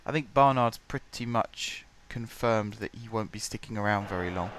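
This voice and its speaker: Background noise accompanies this young gaming commentator, who speaks in a lowish voice at normal speed. He has a sore throat and rambles chattily over a football management game, using plenty of fillers.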